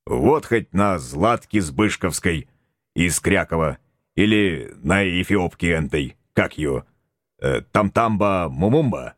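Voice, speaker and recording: A man's voice: low voice, animated, slow, no room sound, studio quality, heavily acted. A man voicing a folksy, bossy tsar in an audiobook, talking bluntly in homespun old-fashioned speech. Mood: musing. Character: folksy bossy male tsar, middle-aged. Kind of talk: audiobook character voice.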